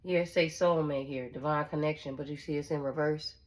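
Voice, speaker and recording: Speaking briskly in a steady tone, a woman with a distinctly low voice delivers a casual tarot reading to viewers. She's blunt and curses without hesitation, repeating her own phrases and regularly checking in with whoever's listening.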